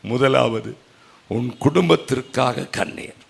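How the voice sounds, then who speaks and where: A man preaching a sermon at a church convention, crying out loudly at times and then dropping to hushed, low lines. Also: slow, creaky. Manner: emotional preaching, swinging from loud cries to hushed low lines. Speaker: pastor.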